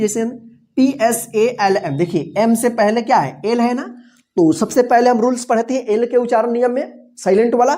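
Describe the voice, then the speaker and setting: A woman's voice: on the high side, darkish tone. A woman teaching an English vocabulary lesson. She spells words out letter by letter, asks the learners questions and patiently repeats each answer and its meaning. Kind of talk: classroom-style vocabulary lesson.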